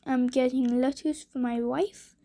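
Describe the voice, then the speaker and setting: A worried husband and carpenter in a bedtime story, pleading anxiously, as a woman narrator puts him on. The voice stays near her own, a touch higher and louder. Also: steady tone, measured pace.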